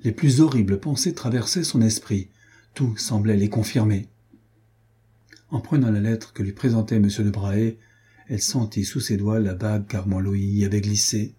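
An audiobook narrator, a man with a fairly low and slightly rough voice, reads a historical novel aloud. His storytelling is measured and even.

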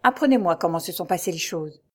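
A woman's voice: on the low side, animated, fast talker. A woman voicing an earnest, loyal young knight who asks eager, concerned questions, in an audiobook reading.

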